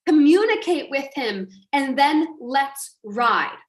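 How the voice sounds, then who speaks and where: Woman, high voice, motivational coach, emphatic and questioning, echoey room. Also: expressive, slow. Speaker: business coach. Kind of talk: motivational talk to a group.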